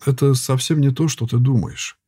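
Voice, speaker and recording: A man voicing a weary, gentle old herbalist. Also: mid-range voice, steady tone, moderate pace, slightly rough, no room sound, studio quality, lightly acted. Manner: soft, patient, sighing. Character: weary male herbalist, former warrior, calm and gentle. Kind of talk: audiobook character reading.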